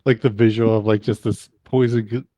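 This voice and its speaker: A man's voice: fairly low pitch, little pitch movement, brisk, warm tone, no echo. A man chatting casually and jokingly as a player in a tabletop game. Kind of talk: casual chat.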